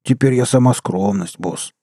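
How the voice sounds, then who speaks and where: Guy doing crude burly siberian dude, gruff n mocking, dark dry voice. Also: medium pitch, brisk, no echo, lightly acted. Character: rough burly Siberian man, belligerent and crude. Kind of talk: audiobook character reading.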